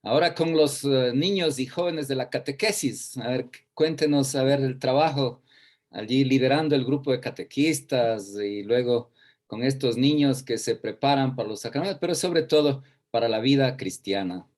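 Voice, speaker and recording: A male interviewer asks his guest to share his experiences. He prompts in a gentle, encouraging way. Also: mid-range voice, normal speed. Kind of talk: conversational interview.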